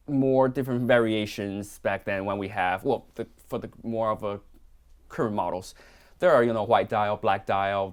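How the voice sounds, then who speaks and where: Hesitant man, low voice. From Hong Kong. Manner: hesitant, many fillers and restarts, modest. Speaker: watch collector guest. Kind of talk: casual interview.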